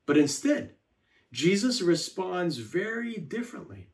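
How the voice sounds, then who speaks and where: A man giving a devotional teaching in a measured, reflective way, slowing down to list words one by one. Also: high voice, big pitch swings. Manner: measured, reflective delivery with slow listed words.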